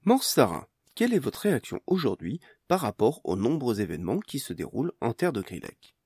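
A man voicing a television news anchor in an audiobook, with a smooth broadcast cadence. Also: mid-range voice, wildly swooping pitch, a little fast, darkish tone, no echo, studio quality. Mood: polished.

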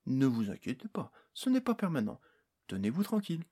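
A male narrator voicing a calm, clever female sorceress in a storybook reading. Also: mid-range voice, a little fast, husky. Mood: calm, assured.

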